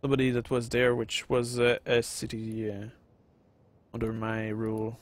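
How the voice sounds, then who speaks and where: A man in his thirties hosts a gaming video, speaking monotone in a mid-range voice at normal speed with no room sound. His Quebec French accent comes through as he rambles with many fillers, casually commenting on a strategy game let's-play style and chatting with viewers.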